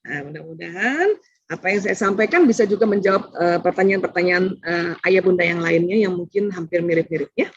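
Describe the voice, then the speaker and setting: A middle-aged woman, a doctor, giving gentle religious parenting advice and answering a caller's question. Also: on the low side, fairly quick, a little hiss or hum. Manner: gentle, explains with Quranic recitation and translation. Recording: dull lo-fi sound.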